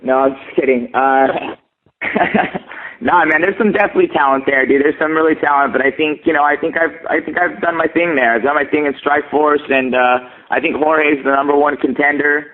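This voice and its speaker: A man's voice: on the high side, fairly even intonation, a little fast. A man, a fighter, answering questions in a casual, slangy way, heard over a conference call on speakerphone. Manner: laid-back, talks in loose slang and fillers. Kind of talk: casual phone interview answers. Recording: tinny phone line.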